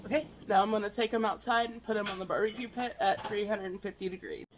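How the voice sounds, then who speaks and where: A woman speaks fast in a mid-range voice while cooking in her home kitchen for a casual vlog, sounding a little worn from allergies. Her narration is relaxed and chatty, peppered with fillers and stumbles, over background noise and clattering pots, pans and dishes.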